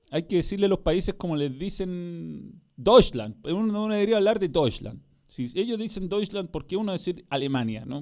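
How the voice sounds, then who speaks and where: Chilean man, smooth resonant voice, rambling sports chat, reads comments aloud, easy slangy talk. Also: medium pitch, darkish tone. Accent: Chilean Spanish. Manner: rambling, laughs often, chatty slang. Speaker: live stream sports commentator. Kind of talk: casual live-stream chat reading comments.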